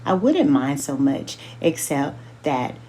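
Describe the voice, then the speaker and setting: A woman reading a children's book aloud as a book club host, slowly and carefully sounding out names. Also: deep voice, very animated, warm tone, a little hiss or hum.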